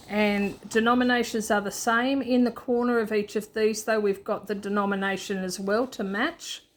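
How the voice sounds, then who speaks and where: A woman hosting a budgeting channel, chatting casually as she shows her printables and laughs at herself. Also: mid-range voice. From Australia. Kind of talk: casual show-and-tell walkthrough.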